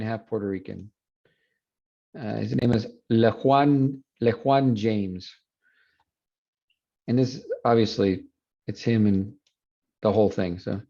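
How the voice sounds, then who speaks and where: A man's voice: medium pitch, dull audio. A man teaching a university Spanish class, explaining features of a dialect and mixing Spanish with English. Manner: relaxed, explanatory, with fillers.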